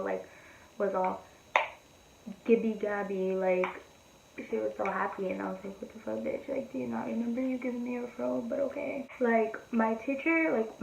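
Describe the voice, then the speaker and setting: A teenage girl chats through a makeup storytime, rambling and swearing freely. Her voice is gravelly with vocal fry. It bounces around an echoey room on a slightly muffled recording, with faint noise underneath. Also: medium pitch, a little mellow. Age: teens. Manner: rambling, filler-heavy, profane and blunt. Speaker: beauty vlogger. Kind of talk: casual storytime chat while doing makeup.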